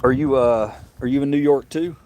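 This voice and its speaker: With a mid-range, slightly mellow voice at normal speed, a Gen X livestream host from Mississippi chats in a Southern accent. The talk is loose and rambling with repeated words, and a little background noise is audible.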